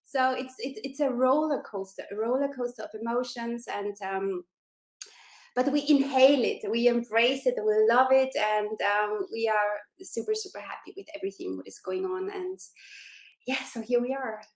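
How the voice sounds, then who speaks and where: A chatty woman in her forties, originally from Austria, talks eagerly as a guest on a video call. Her voice sits fairly high and carries the echo of the room around her. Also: normal speed, a little mellow. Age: 40s. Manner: chatty and enthusiastic, with many fillers. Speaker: interview guest. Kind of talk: casual interview over video call.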